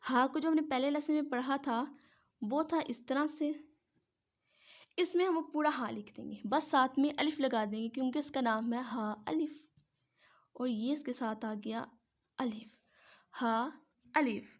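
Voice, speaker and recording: A woman patiently teaching how to join Arabic letters, step by step, pausing often to check in. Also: sits high. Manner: patient, says "theek hai" between each step. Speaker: Quran teacher. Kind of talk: step-by-step writing lesson.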